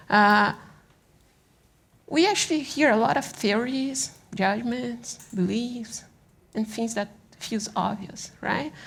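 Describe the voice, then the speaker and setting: Presenting on design at a conference, a woman from Brazil speaks with a Brazilian accent, her native tongue being Portuguese. Her fairly high voice carries vocal fry, and her informal delivery is halting and conversational, with regular check-ins with the audience.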